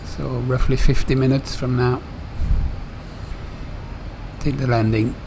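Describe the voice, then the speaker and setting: A man giving step-by-step flight commentary as a simulator pilot, pausing often in mid-sentence. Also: mid-range voice, background noise. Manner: halting, pauses mid-sentence. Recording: steady aircraft drone behind voice.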